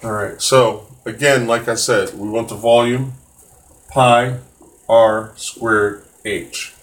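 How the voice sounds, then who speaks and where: A man's voice: mid-range voice, steady tone, slow pace. Casual man teaching math live. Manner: casual, encouraging, many fillers and restarts. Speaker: test prep tutor. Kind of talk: live-stream math lesson.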